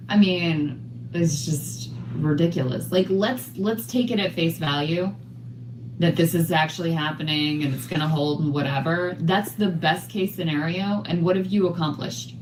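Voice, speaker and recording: A woman's voice: on the low side, normal speed, roomy sound, background noise. A woman in casual political chat, scathing and emphatic as she lays out her analysis.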